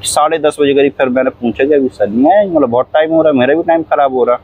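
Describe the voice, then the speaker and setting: A fast-talking cab driver with a husky, medium-pitched voice tells a long, repetitive story in a casual interview, often coughing and acting out what people said. The phone-quality sound has no echo.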